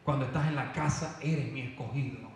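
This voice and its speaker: A man's voice: mid-range voice, fairly quick. Fervent preacher man, echoing hall. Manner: fervent, rising to loud emphatic calls. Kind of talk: sermon. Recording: echoey hall, voice from far off.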